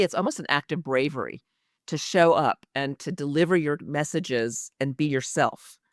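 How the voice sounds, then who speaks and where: In clean studio sound with no echo, a low-voiced woman is interviewed on a podcast. She works as an executive communication coach and speaks with emphasis and expression, her delivery practiced like a trained actress's.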